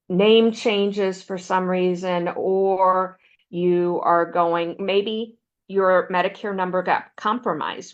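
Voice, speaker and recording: Woman explaining benefits, low voice, dull audio. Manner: explanatory, steady, uses "um" fillers. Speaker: Medicare counselor presenter. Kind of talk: informational presentation with slides.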